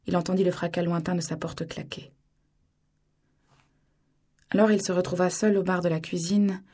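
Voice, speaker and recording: A woman reading a novel aloud in even, measured scripted narration. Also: on the low side, breathy edge. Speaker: audiobook narrator.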